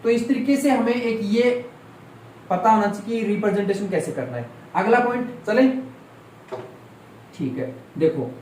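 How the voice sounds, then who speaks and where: A man teaches a maths class in call-and-response style, constantly quizzing students and repeating key terms for them to echo back. His high, darkish voice is lively, at normal speed with frequent pauses. A distant room mic captures him from far off in an echoey room with faint noise.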